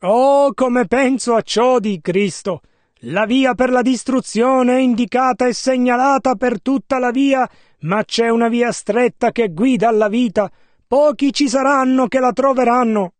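A man interpreting a sermon line by line in a steady, measured way. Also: very high-pitched, no echo. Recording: dry, close sound.

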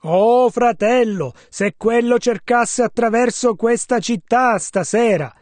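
A man voicing a translation of a sermon in measured, steady phrases. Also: very high voice, dry recording. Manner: steady, measured rendering of each passage. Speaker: sermon interpreter.

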